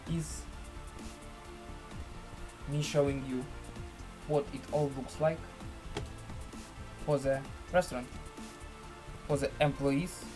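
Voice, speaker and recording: Speaking at a fairly high pitch, a man presents a screen-share software tutorial. His phrases come out halting and deliberate, and his wording is formal and elaborate.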